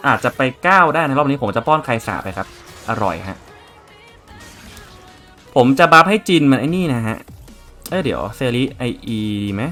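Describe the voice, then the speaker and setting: A man's voice: mid-range voice, sing-song, normal speed, long pauses, bright, forceful tone, faint music behind. A young man casually commenting on his strategy game as he plays, chatting to viewers and swearing freely. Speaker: game streamer.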